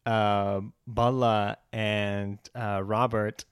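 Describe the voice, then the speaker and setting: A young man co-hosting a casual film chat, relaxed and talkative with many fillers and easy laughter. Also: fairly low pitch, drawn-out words, clear, resonant tone, dry recording, clean studio sound. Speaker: podcast co-host.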